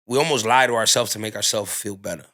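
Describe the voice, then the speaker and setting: A man with a bright, forceful edge to a lowish voice talks as a guest in a relaxed conversation. He leans on loose street slang and keeps circling back with fillers and restarts. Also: fast talker. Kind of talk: candid casual conversation.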